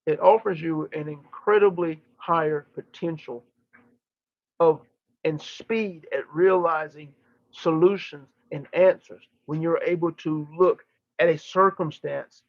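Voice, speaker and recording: A man with a high voice delivers channeled teaching in the manner of a seance medium. He speaks in oratorical, formal phrases, repeating himself and pausing deliberately for emphasis. The recording is dull and dry, with little room sound. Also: fairly even intonation, no room sound. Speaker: channeler giving a live session.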